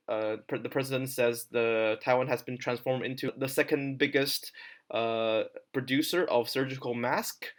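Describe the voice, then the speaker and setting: A man hosting a casual podcast over a remote call, talking hesitantly with many fillers and restarts. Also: medium pitch. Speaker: podcast host.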